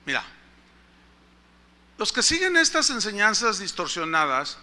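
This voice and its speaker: Mexican pastor preaching with bright tone. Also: male voice, high voice, huge pitch swings, measured pace. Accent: Mexican Spanish. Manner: conversational, asks the congregation questions. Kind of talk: storytelling sermon.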